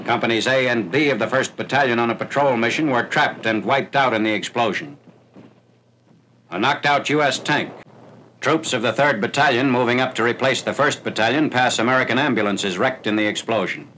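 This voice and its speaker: This clip comes from a 1940s newsreel, where a man with a bright, forceful, mid-range voice delivers a scripted wartime narration. His announcing is formal and measured, heard over a hissy, noisy film soundtrack.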